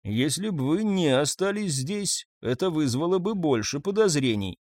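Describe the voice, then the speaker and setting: Man voicing a calm measured investigator. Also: fairly high pitch, dry recording, clean studio sound, pitched above the performer's own voice.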